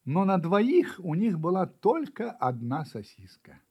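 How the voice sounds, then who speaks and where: A man narrating a children's storybook with animated, expressive delivery. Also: sits high, a little slow, slightly rough, dull audio. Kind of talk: storybook reading.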